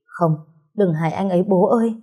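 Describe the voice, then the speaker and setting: A woman's voice: medium pitch, brisk, slightly rough, dull audio, close to an everyday voice. A woman voicing a tearful pleading young wife. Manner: tearful begging. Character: desperate young pregnant-mother daughter, pleading.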